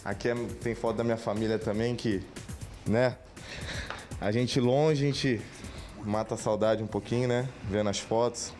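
A man's voice: lowish voice, normal speed, soft background music. Young male athlete, laid-back banter, handheld mic at home. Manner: relaxed, joking, laughs often. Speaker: football goalkeeper being interviewed. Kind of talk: casual home-tour interview. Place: apartment indoors. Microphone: handheld reporter mic.

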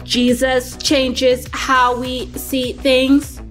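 A woman hosting a children's show puts on a monotone robot voice, chanting slowly and evenly like a mechanical speaker. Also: high voice, faint music behind. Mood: robotic chant.

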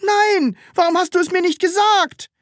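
A woman's voice: on the low side, very animated, moderate pace, dry recording, studio quality, voice pushed up. A woman voicing a timid, earnest grown man in an audiobook, talking in a way that is easily flustered. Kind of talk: audiobook character reading.

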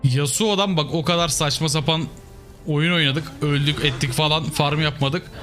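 Excitable young man commenting on gameplay. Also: fairly high pitch, normal speed, soft background music. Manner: excitable, swings between mutters and yelps. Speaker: gaming YouTuber.

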